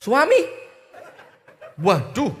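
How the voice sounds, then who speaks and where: A man's voice: very high-pitched, huge pitch swings, drawn-out words, fairly bright tone. A man with an East Javanese accent preaching a humorous sermon, teasing his audience and mimicking voices. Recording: reverberant hall.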